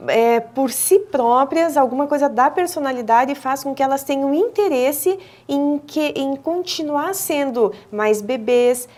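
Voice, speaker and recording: In a TV studio, a woman with a high, slightly mellow voice and a Brazilian Portuguese accent responds to interview questions. She is a speech therapist who explains in a teacherly way, often pausing on hesitant fillers and beginning her phrases again.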